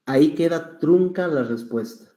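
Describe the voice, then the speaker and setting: Man teaching, mellow voice. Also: a little high, echoey room. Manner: patient, explains with examples, varies pace and volume deliberately. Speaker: public speaking instructor. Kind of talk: online class teaching.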